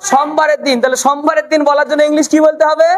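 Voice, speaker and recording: A woman teaching English to Bengali speakers with a Bengali accent, asking questions and repeating the answers slowly. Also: high-pitched, flat delivery. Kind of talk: spoken English lesson with drills.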